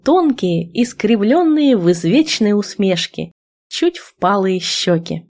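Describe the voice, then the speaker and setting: A woman narrating a first-person audiobook in a measured, expressive reading. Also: medium pitch.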